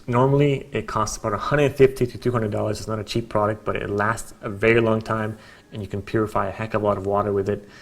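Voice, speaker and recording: A man presenting a webinar as an informal hard-sell sales pitch, with chatty asides. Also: gravelly, fairly bright tone. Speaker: webinar presenter selling a product.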